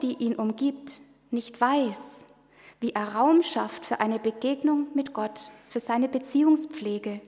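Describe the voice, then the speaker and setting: A woman presenting in a church service, addressing the congregation in a calm, earnest, explaining way. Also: on the high side. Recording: long reverb of a hall.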